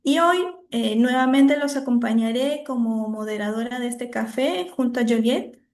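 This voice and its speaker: A woman's voice: on the high side, normal speed, darkish tone. A woman from Peru moderating an online talk over a video call, friendly and welcoming, with frequent fillers.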